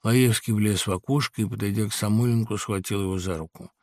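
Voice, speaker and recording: A man narrating a classic story as an audiobook, reading in a measured, dramatic way. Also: lowish voice, steady tone, a little mellow, dry recording.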